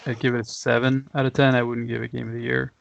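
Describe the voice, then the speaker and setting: A male podcast co-host with a mid-range, creaky voice talks fast in a flat delivery on a muffled recording. His casual chat is laid-back and rambling, and he chuckles often.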